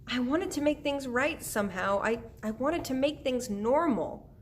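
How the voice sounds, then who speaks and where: A woman's voice: sits high, lively intonation, measured pace, a little hiss or hum, pitched above the performer's own voice. A woman reading the part of an anxious, tearful mother in a storybook, her voice raised and pleading. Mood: distraught. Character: distraught anxious mother, middle-aged woman.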